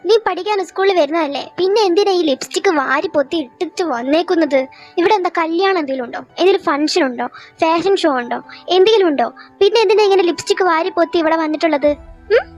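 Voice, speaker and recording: A young woman voicing a strict female schoolteacher who loudly scolds a student, in a fan audio drama. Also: very high-pitched, fairly even intonation, rapid-fire, hardly any pauses, faint music behind. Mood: scolding. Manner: loud, scolding, interrogating.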